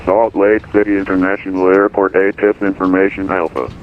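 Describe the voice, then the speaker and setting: Low male airport weather broadcast voice. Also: a little fast. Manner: formal, even recitation of codes and numbers. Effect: airport weather broadcast over radio. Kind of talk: recorded automated information broadcast. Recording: tinny radio-band audio.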